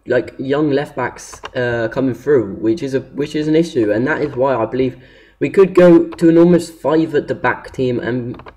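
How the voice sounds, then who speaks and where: Man, soft-edged mellow voice, casual video commentary, hesitant, rambling, unscripted. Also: mid-range voice. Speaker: gaming video host.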